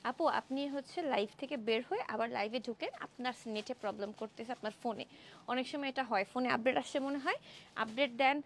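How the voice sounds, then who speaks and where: A young woman from Bangladesh hosting a live-stream clothing sale, chatty and excited, exclaiming over dresses in an indoor showroom. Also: fairly high pitch, brisk, a little hiss or hum. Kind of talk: Facebook live sales pitch.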